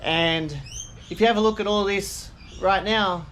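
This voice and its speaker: A man's voice: high voice, steady tone, measured pace, fairly bright tone, rough recording. A man talking casually to camera as a vlogger. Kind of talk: casual vlog talk to camera. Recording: clear background noise.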